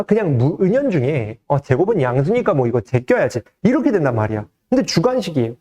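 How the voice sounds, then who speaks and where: A man teaching math, explaining an exam problem step by step in a conversational way and often asking his students questions. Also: on the high side. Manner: lively, conversational teaching with frequent rhetorical questions. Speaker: math tutor. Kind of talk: exam solution lecture.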